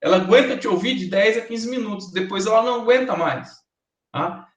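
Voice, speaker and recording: In an echoey classroom recording, a man with a Brazilian Portuguese accent gives a university lecture, his voice sitting high and moving a little fast. He's chatty and jokes with the students.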